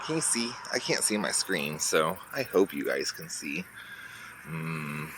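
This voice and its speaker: A bass-voiced garden vlogger, expressive and a little slow, chats with viewers as he points out plants on a casual garden walkthrough. A slight congestion colors his voice. He's filmed on a handheld phone outdoors by a road, where faint traffic and outdoor sounds can be heard.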